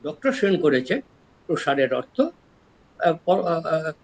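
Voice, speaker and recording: An older man from East Bengal with an East Bengali accent, a retired professor giving a scholarly lecture and explaining word origins slowly, step by step. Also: fairly high pitch, poor audio. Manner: explains slowly and step by step, lively rises and drops in voice.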